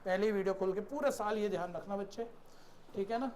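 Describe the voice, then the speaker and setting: A man's voice: high-pitched, a little fast, darkish tone, slight background noise. A man teaching a math class in a conversational lecture style, often checking in with his students and asking them questions.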